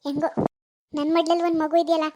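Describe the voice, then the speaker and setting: Very high-pitched, fast-talking young mother in a cartoon, as a woman voices her. She is doting and fussy, and she chatters on about her new baby. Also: level tone, mellow, natural voice. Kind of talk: animated cartoon voice acting.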